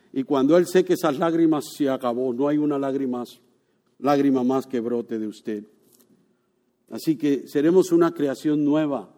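A male pastor preaching a lively sermon to his congregation, joking and rising to loud exclamations. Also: on the high side. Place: church. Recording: long reverb of a church hall.

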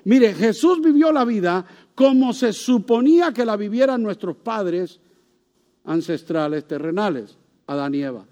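A man's voice: high voice, expressive, unhurried, mellow. A male pastor preaching a sermon in a conversational way, asking the congregation rhetorical questions.

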